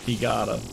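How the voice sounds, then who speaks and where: A man's voice: mid-range voice, creaky. Casual male streamer, loose and swearing. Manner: loose, swearing, joking with chat. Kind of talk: casual live-stream chat.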